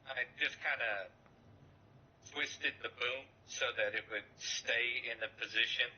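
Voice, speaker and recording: A man's voice: medium pitch, a little slow, bright, forceful tone, breathy edge. A man gaming online and chatting casually through a faulty headset mic whose sound fades in and out. He talks in a laid-back, muttering way. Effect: faulty headset mic over voice chat, fading in and out. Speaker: gamer. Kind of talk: casual chat while playing online. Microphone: headset on a flex boom. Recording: dull lo-fi voice chat with faint hiss.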